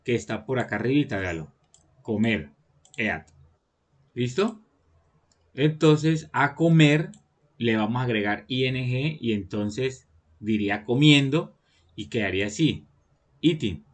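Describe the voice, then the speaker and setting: A man's voice: mid-range voice, expressive, unhurried, long pauses. A man, teaching an online class to children, patiently explaining and often checking that they follow. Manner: patient, repeats "¿listo?" to check understanding.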